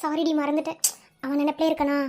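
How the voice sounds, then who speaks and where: A woman's voice: high voice, level tone, fast, heavy background noise, natural voice. A woman voicing a cheeky young college girl, the flippant, joking best friend in a cartoon love story. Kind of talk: Tamil cartoon voice acting.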